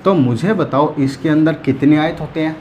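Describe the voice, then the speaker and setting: Male teacher, somewhat high voice, patient and repetitive, keeps checking in with the class, faint hiss behind. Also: normal speed, dull audio. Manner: explains patiently, keeps checking students follow. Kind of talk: whiteboard math lesson.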